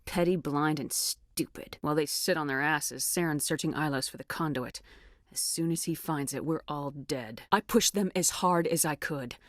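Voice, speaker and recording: Female military commander, played by an actress, sci-fi game lead. Deep for a woman, assertive, direct, resolute, recorded dry. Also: normal speed, dry recording, lightly acted. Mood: stern, determined. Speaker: voice actor for a game's lead character. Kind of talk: scripted game dialogue.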